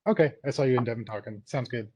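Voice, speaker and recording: A man's voice: mid-range voice, quick pace, darkish tone, breathy edge, no echo. A man talking casually in a meeting held over a group phone-style conference call. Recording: noisy conference call line with clicks.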